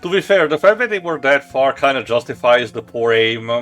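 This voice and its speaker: A man's voice: mid-range voice, animated, brisk, a bit bright, soft background music. A man hosting a let's play, giving casual, explanatory commentary and plot narration with a wry manner.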